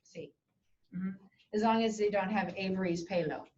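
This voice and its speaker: Heard through muffled classroom audio from a far-off camera, with slight background noise, a female Spanish teacher mixes English and Spanish in a chatty, encouraging lesson. She speaks at normal speed in a medium-pitched, darkish voice.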